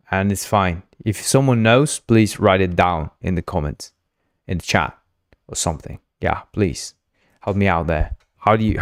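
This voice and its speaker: With a low, smooth voice and echo-free studio sound, a Spanish-speaking game developer codes live on a relaxed stream. He thinks aloud, says things more than once, and jokingly needles the people in his chat.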